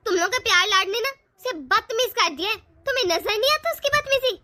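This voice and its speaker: A woman voicing a strict, stubborn older mother-in-law in an animated family cartoon, nagging and scolding her family. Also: very high voice, a little fast, heavily acted.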